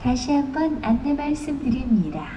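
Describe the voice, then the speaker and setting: A woman making a polite, formal public announcement over a PA loudspeaker at an outdoor walkway. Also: high-pitched, very animated, normal speed. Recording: distant echoey loudspeaker, muffled.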